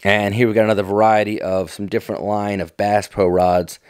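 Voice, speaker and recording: A middle-aged American fishing tackle vlogger offers off-the-cuff commentary, folksy, enthusiastic and nostalgic. His fairly low voice is smooth with little pitch movement and a fairly quick pace. The studio-quality recording has no echo.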